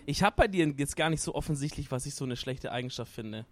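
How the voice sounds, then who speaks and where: At a noisy gaming party in an event hall, a man chats casually with a group, speaking fast in a mid-range voice with lively intonation. He hesitates and gropes for words, using plenty of fillers.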